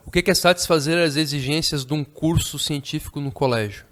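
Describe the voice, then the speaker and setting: A man's voice: a little high, fairly quick. A Brazilian man teaching a church literature class, who reads a passage aloud and then explains it line by line, often asking the class if they follow. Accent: Brazilian Portuguese. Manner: explains line by line, keeps checking the class understands; reads passages aloud, then paraphrases them in casual speech.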